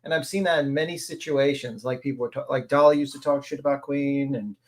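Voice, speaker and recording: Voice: mid-range voice, fast talker. A speaker talking through a voice changer that makes them sound like a man, chatting casually and candidly on a livestream call, rambling and swearing now and then.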